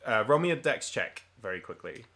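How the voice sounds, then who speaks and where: A man's voice: medium pitch, big pitch swings, a little fast, bright, forceful tone. A man running a tabletop game as game master, describing scenes in a rambling way with lots of fillers.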